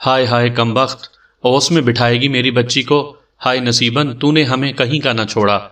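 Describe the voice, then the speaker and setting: A man's voice: mid-range voice, level tone, a bit bright, distant mic, natural voice. A man voicing an elderly, doting eunuch elder who wails and fusses in exclamations. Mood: wailing fond. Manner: wailing, fussing exclamations.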